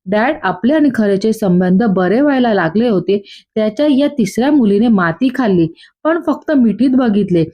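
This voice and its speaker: A woman's voice: medium pitch, animated, moderate pace, lightly acted. A woman voicing a scheming woman who needles and stirs family trouble. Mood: sly. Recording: dull lo-fi.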